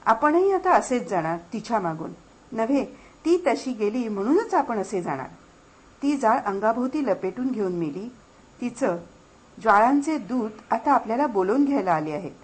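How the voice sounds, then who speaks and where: Woman reading an audiobook story, kinda high voice, dramatic, goes hushed then urgent. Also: poor audio. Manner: expressive, shifting between hushed and urgent. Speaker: audiobook narrator.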